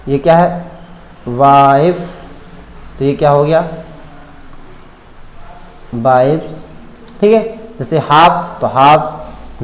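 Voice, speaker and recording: A man teaching an English grammar lesson, spelling words out letter by letter and often checking whether the point is clear. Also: high-pitched, a little mellow, echoey room, poor audio.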